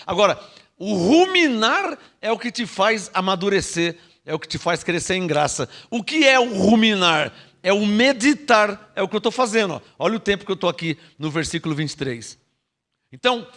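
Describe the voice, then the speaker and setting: A man with a Brazilian Portuguese accent preaching a sermon, teaching with rhetorical questions and having the congregation repeat his phrases. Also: sits high. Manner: lively, frequent rhetorical questions and laughs.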